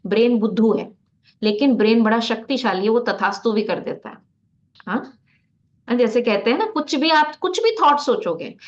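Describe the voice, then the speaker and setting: A woman lecturing on psychology in a conversational, motivational style, often asking her listeners rhetorical questions. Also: on the high side. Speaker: guest speaker on psychology. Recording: slightly dull, lo-fi recording.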